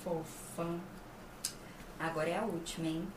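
A woman's voice: low voice, steady tone, measured pace. A woman hosting a podcast interview, chatty and enthusiastic. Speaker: podcast host, voice actress. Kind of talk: casual interview chat. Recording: roomy, distant mic, background noise.

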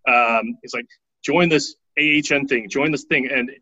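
A man's voice: medium pitch, normal speed, bright, forceful tone, slightly rough, no echo, muffled recording. A man in his thirties from Taiwan, telling his life story casually as an interview guest, often tagging his lines with "right?".

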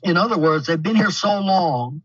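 A man talks from the far end of a bad video call connection that cuts in and out. His voice is bright and a little husky, and it sounds distant from the mic through dull, lo-fi audio. He lays out his ideas step by step. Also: high voice, lively intonation, normal speed, no echo. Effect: lo-fi video call audio with a bad, breaking-up connection. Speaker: guest. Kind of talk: casual conversation over a video call.

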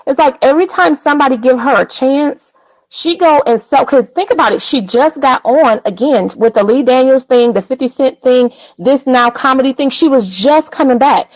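High-pitched woman on a phone call-in, dry dull sound, blunt and opinionated. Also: expressive, moderate pace, dry recording. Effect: over a phone-quality call. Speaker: caller.

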